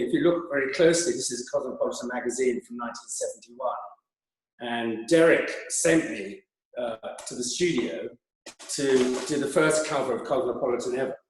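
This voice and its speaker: An older British man telling rambling, chatty stories with many fillers as an interview guest. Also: medium pitch. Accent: British English. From Britain. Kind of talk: anecdotal interview talk. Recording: very echoey room.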